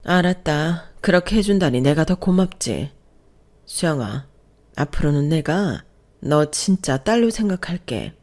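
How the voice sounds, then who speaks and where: A woman voicing a firm, generous older mother-in-law in plain, measured speech. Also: low-pitched, expressive, a little mellow. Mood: grateful.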